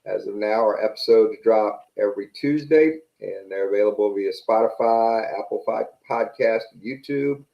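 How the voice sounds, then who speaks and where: A man's voice: on the low side, normal speed, vocal fry, hardly any pauses, echoey room, highs cut off. A man, a guest on a video call, speaking politely and formally. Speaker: guest, podcast host. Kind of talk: guest self-introduction.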